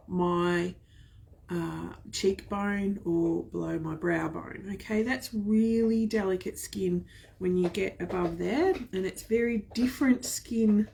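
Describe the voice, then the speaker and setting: A woman's voice: medium pitch, slow, creaky, a little mellow. A woman hosting a chatty, gushing live skincare demonstration from home, filmed by a camera set some distance away. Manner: chatty, gushing, addresses viewers fondly. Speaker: skincare product seller.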